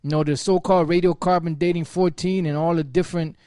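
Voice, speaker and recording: A man reading a Bible passage aloud and scolding his critics, pausing often with fillers. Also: fairly high pitch, fairly even intonation, a little mellow, no room sound, studio quality. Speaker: speaker in a religious open forum. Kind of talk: reading scripture with commentary.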